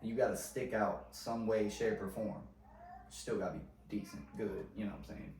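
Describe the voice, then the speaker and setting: Here a podcast host speaks in a lowish, steady, slightly mellow voice at a brisk clip, rambling casually with heavy slang and filler and frequent restarts after trailing off. The recording sounds roomy, with a distant mic and faint noise.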